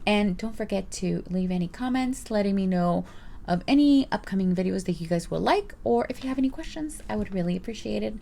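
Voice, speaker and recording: A woman's voice: medium pitch, lively intonation, a little fast, gravelly, dark tone. A woman in her thirties reviewing her purchases in a casual, chatty vlog, rambling with playful asides. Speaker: vlogger.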